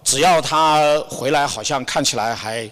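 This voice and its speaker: A man's voice: medium pitch, a little slow, a bit bright. A middle-aged man giving an informal church testimony, hesitant and searching for words, with English words mixed in. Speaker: church member sharing a Sunday message. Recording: long hall reverb.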